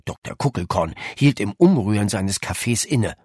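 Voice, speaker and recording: A man narrating a children's audiobook in a lively, expressive way. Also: on the low side, normal speed, breathy edge, no echo, studio quality.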